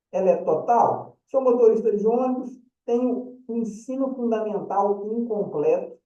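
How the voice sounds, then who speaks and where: A man's voice: high-pitched, warm tone. Brief: male lawyer-lecturer, conversational, distant dull-sounding recording. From Brazil. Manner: chatty, keeps checking in with the audience. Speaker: lawyer teaching a short course. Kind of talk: informal lecture. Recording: dull, roomy, distant mic.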